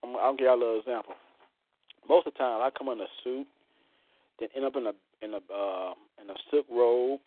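A man hosts a poetry show in casual, colloquial talk, playful and full of swagger. His mid-pitched voice comes dry over a thin, phone-like connection. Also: brisk, no echo. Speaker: host of a live poetry show. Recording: tinny, narrow-band radio-like line.

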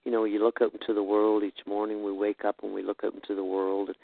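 Through a narrow, phone-like line comes a man with plenty of creak in his voice. He chats in a casual, heartfelt way, halting and earnest as he thinks aloud. The sound is dry and close. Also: lowish voice, monotone, no room sound. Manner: halting, earnest, says "eh" and "you know". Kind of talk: casual heartfelt chat about faith.

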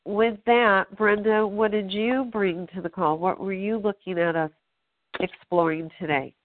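A woman's voice: mid-range voice, steady tone, unhurried, dry recording. A woman coach giving direct, encouraging feedback on a coaching call. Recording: tinny phone line.

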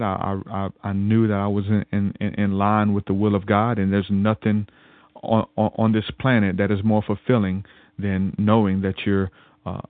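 A man's voice: lowish voice, no room sound. A man, a podcast guest, telling a personal faith story in a rambling way, often repeating words and restarting sentences. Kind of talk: casual spoken testimony. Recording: tinny phone-like line.

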